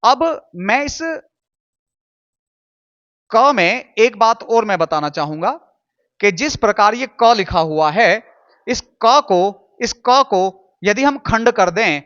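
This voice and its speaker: Patient Hindi teacher spelling out syllables. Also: male voice, high voice, expressive, takes it slowly, fairly bright tone, lo-fi sound. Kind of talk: classroom lesson.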